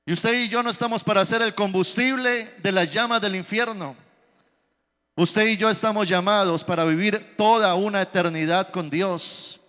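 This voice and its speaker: High, bright preacher. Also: male voice, normal speed. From Colombia. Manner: dramatic storytelling preaching. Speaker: pastor. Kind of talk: sermon. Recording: long church reverb.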